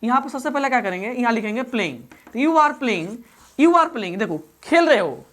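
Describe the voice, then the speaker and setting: A woman teaching English grammar in Hindi. She repeats each example slowly and quizzes the learners as she goes. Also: fairly high pitch, lively intonation. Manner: addresses learners fondly as "babu". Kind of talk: Hindi-medium classroom grammar lesson.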